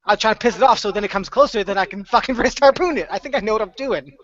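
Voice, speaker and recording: A man's voice: sits high, rapid-fire, fairly bright tone. A man playing in a tabletop game, rambling and joking as he declares his moves. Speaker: player. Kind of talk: casual tabletop game play. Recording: dry, dull lo-fi recording.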